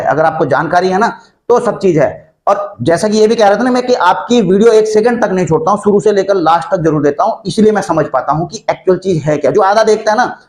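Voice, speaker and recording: A man's voice: sits high, a little mellow. A man hosting an online channel, explaining rules to viewers in a chatty, conversational way, often calling them friends. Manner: chatty, addresses viewers as friends, frequent fillers and restarts. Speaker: YouTube channel host explaining army pension rules.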